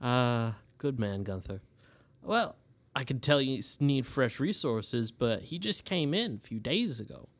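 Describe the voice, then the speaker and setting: A man's voice: medium pitch, animated, a little slow. A man voicing a bald old human farmer in his seventies, with a folksy country drawl and wry, sarcastic asides, during a tabletop game. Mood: friendly. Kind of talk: tabletop role-play voicing.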